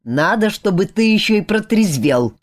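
A woman's voice: medium pitch, animated, normal speed, voice pushed up, lightly acted. A woman reading a huge, blunt warrior who growls and scolds with open scorn. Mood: angry, scornful.

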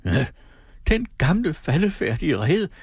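A man reading aloud, voicing a sharp-tongued middle-aged mother who makes scornful, quick retorts. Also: fairly high pitch, very animated, breathy edge, no room sound, clean studio sound, voice pushed up, full character voice.

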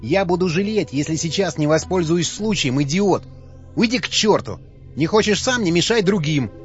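A coarse, aggressive young brute, as a man reading an audiobook puts him on, pitched well above the reader's own voice and swinging wildly up and down. He snarls and barks his lines. The recording sounds dull and muffled. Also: expressive, moderate pace, soft background music. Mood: angry sneering. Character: crude brutal young male scavenger, foul-mouthed. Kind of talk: audiobook character voice.

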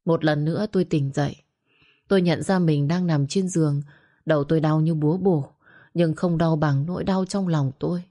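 A woman with a low, dark, mellow voice tells a grieving first-person story. Her delivery is heavy with sorrow and drama, the steady pull of a serialized audio tale. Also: moderate pace.

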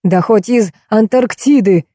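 A woman's voice: medium pitch, normal speed, warm tone, no echo, studio quality, close to an everyday voice. A woman reading the lines of an irritable, slightly tipsy man who grumbles scornfully, in an audiobook. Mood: irritated.

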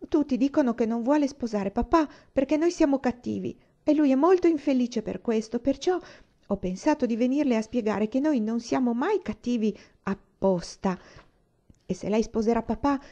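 A woman's voice: fairly high pitch, expressive, moderate pace, warm tone, dull audio, pitched above the performer's own voice. A woman voicing a timid, tearful little girl who pleads earnestly in an audiobook reading. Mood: pleading. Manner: earnest, imploring, stammering.

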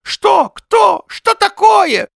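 A man voicing a jittery whiskered old man who mumbles with a toothless lisp and frets in a shrill, wailing voice. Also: huge pitch swings, a little slow, vocal fry, a bit bright, dry recording, clean studio sound, full character voice. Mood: startled.

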